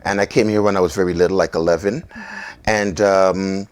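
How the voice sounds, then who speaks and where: A man from Trinidad and Tobago speaks earnestly about his work as an award recipient. His voice sits fairly low, and the recording is close and dry with no room sound. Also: steady tone, fairly quick, darkish tone, clear, resonant tone, dry recording. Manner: earnest, grateful, speaks in short flowing phrases. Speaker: bookstore owner, award recipient. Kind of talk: interview answers.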